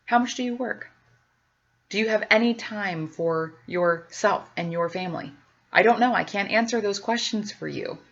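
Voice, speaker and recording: A woman giving a personal faith testimony about addiction, animated and chatty, acting out other people's voices and laughing as she goes. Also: mid-range voice, moderate pace. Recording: slightly dull lo-fi recording.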